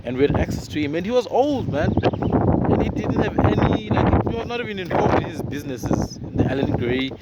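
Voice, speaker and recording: A man's voice: sits high, lively intonation, fairly quick, dull audio. A man giving a casual motivational monologue, earnest and rambling, repeating words as he goes. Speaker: motivational vlogger. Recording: loud wind and boat noise outdoors.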